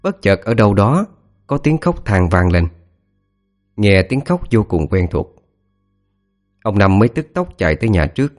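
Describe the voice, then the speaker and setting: A man telling a scripted ghost story in a dramatic, expressive way. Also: lowish voice, normal speed, pauses often, soft background music.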